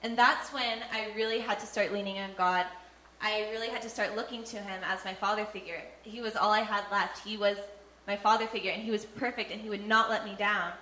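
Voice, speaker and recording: A woman's voice: mid-range voice, fairly even intonation, fairly quick, pushed and bright. A young woman giving an earnest, heartfelt personal faith testimony, with frequent fillers. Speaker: testimony speaker. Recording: echoey room with faint ambient noise.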